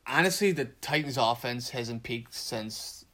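A man's voice: medium pitch, expressive, a little slow, bright, forceful tone. A man co-hosting a casual fantasy football chat, with blunt, joking, slangy banter. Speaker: podcast co-host.

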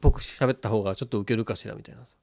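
A man's voice: fairly low pitch, very fast, creaky. A man from Osaka with a Kansai accent, hosting a casual late-night style chat and telling stories with lots of laughter. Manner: animated storytelling, laughs often. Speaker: radio-style podcast host.

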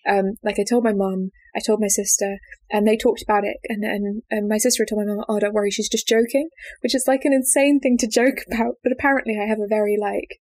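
With a medium-pitched, darkish voice, she speaks fast but keeps her tone steady. The young woman co-hosts a laid-back podcast chat, full of stories and frequent laughter, imitating family members as she quotes them.

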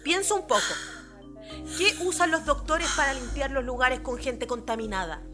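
A woman's voice: high-pitched, normal speed, music in the background. A woman playing a stubborn mother who lectures her daughter insistently. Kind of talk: comic sketch acting.

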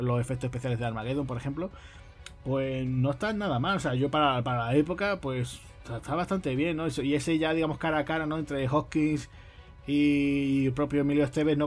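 A man, co-hosting a podcast, chatting about a film in an animated way and acting out lines from it. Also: medium pitch. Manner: animated, acts out film lines in quick impressions. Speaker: podcast co-host. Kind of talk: casual film discussion.

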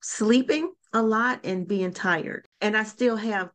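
A woman's voice: mid-range voice, slow pace. A woman hosting a podcast interview, thinking aloud in a reflective, conversational way. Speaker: podcast host. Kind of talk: casual interview chat.

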